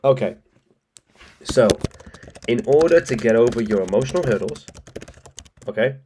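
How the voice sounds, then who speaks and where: A man's voice: medium pitch, expressive, moderate pace, noisy background. Blunt man coaching traders. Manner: blunt, swears, calls viewers bro. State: congested with allergies. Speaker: trading coach. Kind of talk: casual motivational talk to camera.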